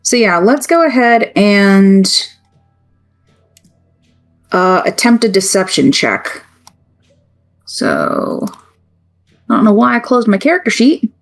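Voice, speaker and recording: A woman plays her character in a tabletop game, talking slowly and thinking aloud. Her voice sits at an ordinary pitch, and her talk is loose and full of ums as she weighs each move. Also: big pitch swings, vocal fry, faint music behind. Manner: unhurried, thinking aloud with fillers. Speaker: player. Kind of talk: casual tabletop play.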